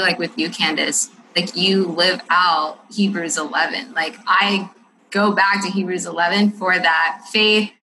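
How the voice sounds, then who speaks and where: Bright-voiced woman giving an earnest testimonial. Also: on the low side, slight background noise, low-quality recording. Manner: earnest, faith-driven, chatty with fillers. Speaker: teacher and author.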